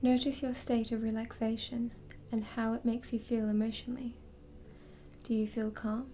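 A woman hypnotist leading a slow, soothing induction, drifting in and out of a whisper. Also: on the high side, little pitch movement, mellow, a little hiss or hum.

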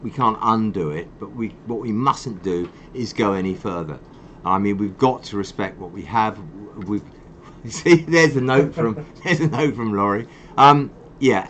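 A man hosting a live charity stream with a lowish voice and faint background hiss. He rants passionately about his cause and laughs at himself. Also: fairly bright tone. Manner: passionate, ranting, self-mocking. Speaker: wildlife charity host.

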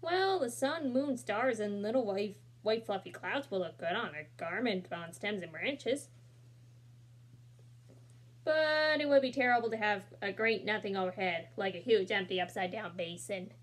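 Here a young woman reads a children's picture book aloud, expressive and chatty with casual asides, in a small room recorded by a laptop camera. Pitch is medium and pace moderate.

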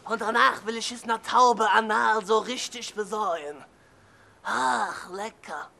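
A man's voice: high-pitched, a little slow, vocal fry, sharp tone, heavily acted. A man voicing a leering, lecherous older man on the phone, with a relishing way of talking. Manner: drawling, relishing, coos "Jüngerlein".

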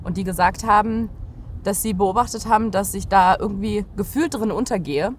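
A woman in her thirties from Berlin, a guest chatting from the back seat of a car and telling stories with lively gestures. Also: medium pitch, normal speed, a little hiss or hum. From Berlin, Germany. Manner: animated storyteller, gestures while talking. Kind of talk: casual chat.

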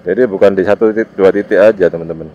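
A motovlogger with an East Javanese accent rides a motorbike along village roads outdoors, his low, mellow voice congested from a cold. He talks rapid-fire in short, loose, informal phrases, and the dull, muffled recording carries vehicle and road noise from the ride.

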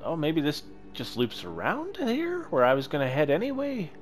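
A man giving casual let's-play commentary, reacting out loud to the game and talking to himself and the enemies. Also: fairly high pitch, huge pitch swings, normal speed, soft background music. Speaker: gameplay commentator.

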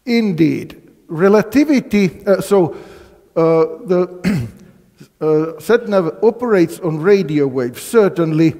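In a lecture hall, an older physics lecturer from Finland speaks slowly in a warm, high-pitched voice with lively intonation. His university colloquium is full of fillers and questions aimed at the audience, all heard through long reverb.

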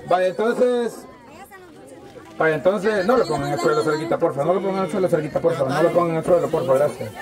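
Out on a village dirt road, a Salvadoran man with a fairly high voice organizes a crowd while handing out toys, speaking a little fast and repeating himself informally. Children and adults fill the background with noise on every side.

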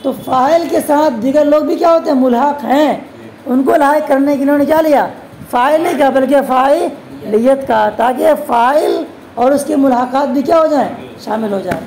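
A woman teaching a classroom grammar lesson, constantly posing quick questions to her students and answering them herself. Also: sits high, darkish tone, low-quality recording. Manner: addresses students as "beta". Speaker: religious teacher.

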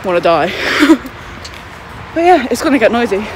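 A woman's voice: on the high side, very animated, normal speed, background noise. A young woman, out of breath, chatting and swearing casually to her phone in a park as a vlogger. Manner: chatty, swearing, frequent laughs. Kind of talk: casual vlog chat. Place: outdoors in a town park. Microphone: handheld phone.

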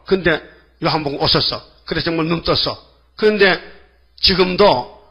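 A man's voice: high-pitched, sharp tone, muffled recording. A man preaching a sermon in a casual, talkative way, acting out Bible scenes in quoted voices and firing rhetorical questions at the congregation. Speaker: pastor.

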